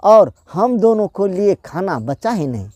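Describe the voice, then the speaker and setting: A cruel, greedy young son-in-law barks orders in a folk tale, as a man storyteller puts him on. His commands come slowly in a mellow, low-toned voice. The recording is dry. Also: very animated, dry recording, full character voice. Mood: scolding.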